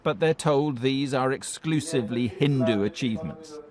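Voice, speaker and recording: A man's voice: medium pitch, normal speed, a little mellow, a little hiss or hum. A man reading a scripted documentary narration. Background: music.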